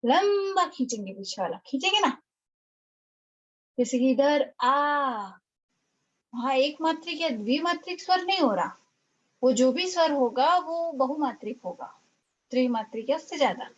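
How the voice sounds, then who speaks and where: A woman's voice: sits high, lively intonation, normal speed, highs cut off. A woman teaching an online lecture, explaining step by step and often checking that students follow.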